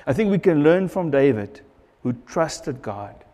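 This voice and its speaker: A man's voice: a little high, very animated, a little slow, mellow, big-room sound. A middle-aged man preaching a sermon at a church pulpit, earnest and repeating phrases for emphasis, on a lapel mic. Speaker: pastor.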